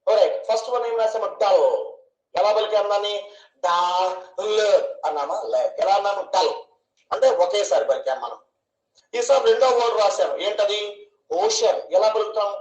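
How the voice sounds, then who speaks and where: A high-pitched man leads an online grammar lesson, slowly stretching words into syllables and quizzing his students. His voice rings in an echoey room and comes through dull and lo-fi. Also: expressive, darkish tone. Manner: slow, questioning, drawing out each syllable. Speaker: English grammar teacher.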